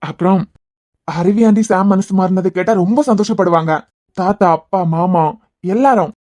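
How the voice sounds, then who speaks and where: A woman's voice: mid-range voice, normal speed, darkish tone, lightly acted. A woman voicing a teasing young husband, Kanyakumari accent. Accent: Kanyakumari Tamil. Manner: bantering, scolding playfully. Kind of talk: cartoon web series voice acting.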